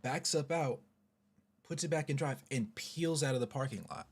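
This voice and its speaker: A man telling a story casually to his vlog audience, chatty and animated with asides. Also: medium pitch, moderate pace, breathy edge. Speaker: vlogger, storyteller.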